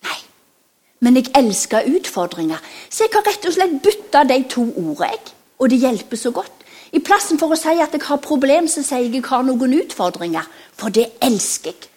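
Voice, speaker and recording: A woman preaching to children, telling a Bible story in an animated, slow and emphatic way, sometimes dropping to a whisper. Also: high voice.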